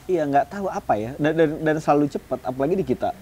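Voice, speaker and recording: A man, co-hosting a casual podcast chat and agreeing quickly while explaining loosely. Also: a little high, animated, a little mellow, breathy edge.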